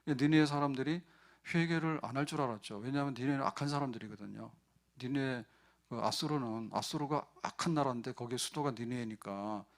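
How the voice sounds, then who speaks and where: A man's voice: medium pitch, a little fast. A man preaching a midweek church sermon in a conversational way, asking the congregation questions and briefly acting out quoted prayers. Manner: acts out short quoted prayers and complaints. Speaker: pastor.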